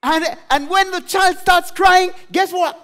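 Male pastor, unhurried sermon in short bursts, rising to forceful peaks. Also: very high voice, fairly even intonation. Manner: preaching in short phrases, building to emphatic outbursts. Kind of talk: sermon with interpreter.

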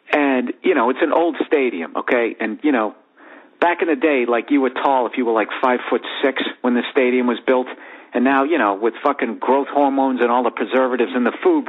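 A man hosting a podcast, telling a profane, rambling comic story in a lively way from his bedroom. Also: medium pitch. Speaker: podcast host. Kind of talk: comedic storytelling monologue. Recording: phone-like lo-fi audio.

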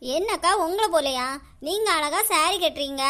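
A woman's voice: high-pitched, lively intonation, moderate pace, fairly bright tone. A woman voicing a gossipy, boastful village auntie in a cartoon. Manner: chatty, gossipy.

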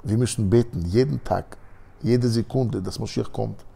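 Gravelly man telling a sermon story. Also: on the low side, normal speed, dark tone. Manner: dramatic storyteller, addressing listeners directly. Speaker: religious teacher.

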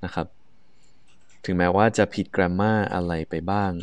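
A young adult man with a Thai accent, explaining exam band scores as a teacher. He reads the English descriptors slowly and chats quickly in between. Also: sits low, little pitch movement, smooth, no echo. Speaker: IELTS speaking teacher.

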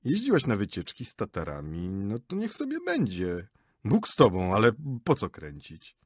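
A man's voice: fairly low pitch, huge pitch swings, moderate pace, breathy edge, no echo, studio quality, heavily acted. A man voicing a sullen, suspicious husband who grumbles and mumbles, in an audiobook. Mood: grumbling. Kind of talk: audiobook character reading.

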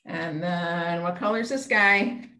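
Speaking at a measured pace in a lowish, bright, forceful voice, a middle-aged woman hosts interactive storytime for young kids. She asks short, simple questions over a webcam call from a small room at home; the computer mic sits a step away, and the sound echoes around the room.

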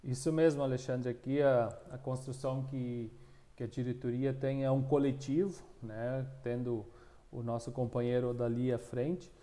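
Recorded on a lapel mic in a small indoor room against a plain wall, a union coordinator in his thirties answers an interviewer. His warm, medium-pitched voice barely moves in pitch, and his southern Brazilian speech halts with frequent fillers and restarts.

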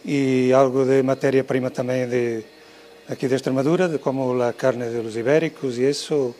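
A man's voice: mid-range voice, steady tone, moderate pace, warm tone. A man in his fifties, a head chef, describing his cooking in a plain, matter-of-fact way in a restaurant kitchen, into a handheld mic. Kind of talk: on-camera interview.

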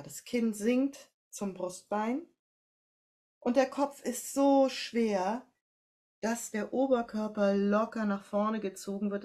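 A woman with a German accent who works as a voice coach, giving slow, calm step-by-step instructions in a breathing and posture exercise. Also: mid-range voice.

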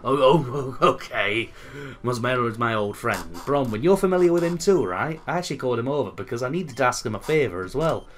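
A man's voice: mid-range voice, expressive, a little fast, lightly acted. A man doing a northern-accented professor. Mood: earnest. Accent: Northern English. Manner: reads game text aloud in a put-on voice. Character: adult male professor, friendly and polite.

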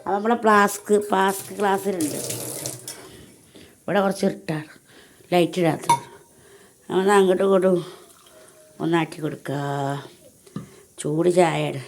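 A woman's voice: on the low side, moderate pace, pauses often, noisy background. A woman, chatting casually to her viewers in a homely home vlog. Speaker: home vlogger. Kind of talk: casual chat to camera.

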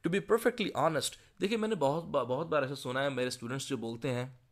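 A man teaching English exam speaking, slowly reading model answers and then explaining them quickly. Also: mid-range voice, a bit bright. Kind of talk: spoken language lesson.

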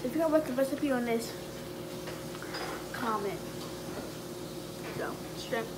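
A woman's voice: on the high side, takes it slowly. A young woman chatting casually in short remarks as she eats for a mukbang, recorded on a phone in a home kitchen. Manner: talks while eating, in short casual remarks. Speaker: mukbang vlogger. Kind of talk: casual mukbang eating chat. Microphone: phone propped on the table. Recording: clattering dishes, noisy home kitchen.

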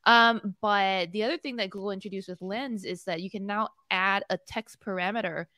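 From a room at home, a young woman co-hosts a tech news podcast over a video call, chatty and bubbly with lots of fillers. Her mid-range voice is bright, steady and forceful at a normal pace. The studio mic gives a dry, studio-quality sound.

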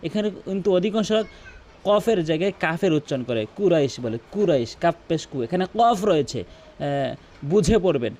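A man with a high voice teaches Quran pronunciation step by step. He repeats words slowly, contrasting the wrong way with the right one, and breaks into drawn-out melodic recitation for his demonstrations. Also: sing-song, a little mellow. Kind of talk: tajweed lesson with demonstrations.

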